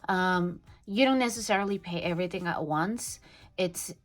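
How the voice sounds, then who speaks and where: A woman's voice: fairly low pitch, moderate pace. Bubbly young woman vlogger. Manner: bubbly, gushing, many fillers and restarts. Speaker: budgeting vlogger. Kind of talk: casual unboxing chat.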